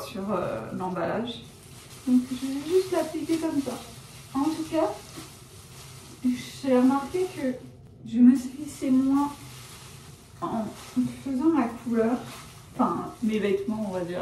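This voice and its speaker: A young vlogger with a warm, high-leaning voice chats while dyeing her hair indoors at home; the mic is distant, the room sounds open, and there's slight background noise. Rambling and self-correcting, she fills gaps with "genre" and "euh" and describes herself as shy and reserved.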